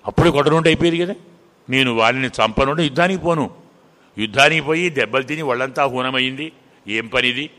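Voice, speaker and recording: A man's voice: medium pitch, quick pace, sharp tone, close to an everyday voice. A man voicing an angry male monkey king who complains reproachfully in a storytelling sermon. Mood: indignant. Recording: reverberant hall.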